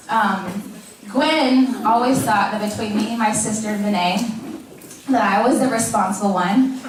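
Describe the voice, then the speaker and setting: A woman's voice: mid-range voice, background noise. A young adult woman giving an informal wedding toast, telling her anecdotes in a chuckling manner. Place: large echoey room at a wedding reception. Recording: echoey hall, far mic, audience audible. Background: audience crowd.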